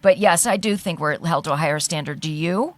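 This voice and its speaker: A woman in casual conversation, an animated storyteller who acts out the people she quotes. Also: low voice, brisk, no echo. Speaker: podcast co-host.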